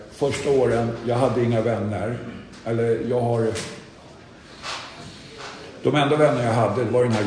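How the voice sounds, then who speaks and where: Speaking at a medium pitch over a noisy background, a middle-aged man gives personal testimony about his own recovery, candid and self-deprecating. The recording comes from an echoey hall with an audience present.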